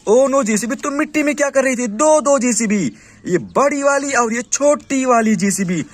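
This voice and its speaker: A man with a strikingly high voice narrates a toy play session. He keeps exclaiming, cheers the toys on with repeated praise and calls out short commands to them. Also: expressive, normal speed, no room sound.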